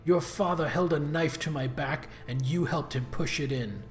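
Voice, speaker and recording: A man's voice: fairly high pitch, moderate pace, lightly acted. A young noblewoman leader from a video game, read by a man, stern and resolute. The delivery is earnest and wounded, with music underneath. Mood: hurt. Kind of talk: reading video game dialogue aloud.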